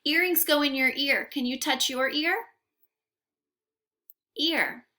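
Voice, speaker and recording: Her voice high, slow, bright and forceful, a young woman teacher reads to small children in a room at home. The interactive lesson is sing-song and carefully enunciated, peppered with questions for the kids.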